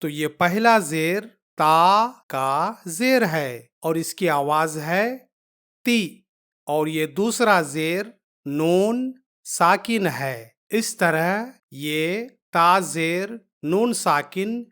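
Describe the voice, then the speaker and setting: Patient woman teacher, slightly low voice, slow and repetitive. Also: animated, a bit bright. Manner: patient, repeats each point, drawn-out letter sounds. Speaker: Quran reading teacher. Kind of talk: slow step-by-step lesson.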